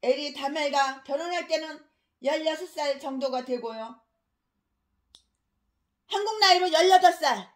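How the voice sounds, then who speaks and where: High-voiced woman pastor preaching fiercely. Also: a little slow, long pauses. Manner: fiery, scolding, swings between shouting and low muttering. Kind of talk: expository sermon.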